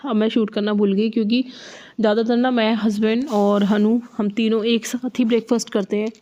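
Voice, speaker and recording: A woman's voice: fairly high pitch, little pitch movement, a little fast, dark tone, highs cut off. A woman vlogger chatting casually and giving diet advice, her voice changed and stuffy from a cold. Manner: chatty, advice-giving, frequent tag questions. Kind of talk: casual diet vlog chat.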